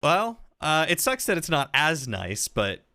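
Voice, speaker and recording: A young man with a fairly high voice streams a video game, chatting casually with viewers and reading their messages aloud. He's relaxed and talkative, speaking a little slowly, with game music and slight background noise behind him.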